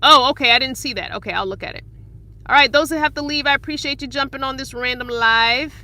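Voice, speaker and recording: Bright-voiced chatty woman in her forties. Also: high-pitched, fast. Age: 40s. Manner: chatty and upbeat, laughs often. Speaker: van-life vlogger reading live chat. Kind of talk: casual live-stream chat. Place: inside her parked van.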